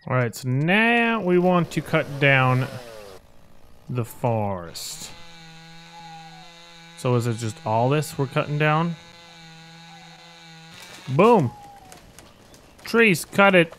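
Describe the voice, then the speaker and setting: Casting: male gaming host, medium-pitched, jokey and self-mocking, thinking out loud as he plays. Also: animated, takes it slowly, long pauses, slight background noise. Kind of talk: casual gameplay commentary.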